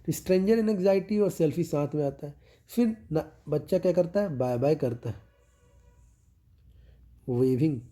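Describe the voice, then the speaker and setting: A man works as a medical exam tutor, walking through milestones with mnemonics and checking in after every point. To stress key terms, he slows down and lowers his voice, which sits on the high side and sounds mellow.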